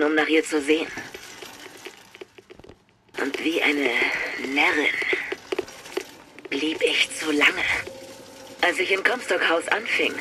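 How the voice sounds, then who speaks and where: An actress voicing an embittered former kitchen maid turned fugitive, recounting her past gravely in a game audio diary. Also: low voice, background noise.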